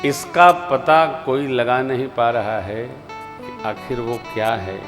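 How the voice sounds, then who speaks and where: A man giving a devotional sermon as a Ram Katha preacher, slow and emphatic, swinging between soft asides and loud rising exclamations, and drawing out chanted scripture verses. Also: mid-range voice, music in the background.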